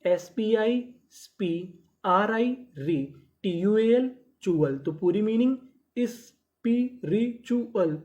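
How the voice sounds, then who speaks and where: Male phonics teacher with a mellow, warm voice. Drills by asking a question and answering it himself, and spells words out slowly before saying them whole. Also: sits high, expressive. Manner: sounds out letters slowly, then blends them into words. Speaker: English teacher. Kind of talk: phonics lesson for Hindi speakers.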